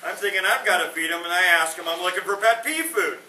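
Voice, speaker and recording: A man performs stand-up one-liners and corny puns in a veterans home hall with no microphone, his punchlines trailing off sheepishly. His voice is high-pitched, fast and sharp. The recorder sits far away, picking up a roomy, noisy hall.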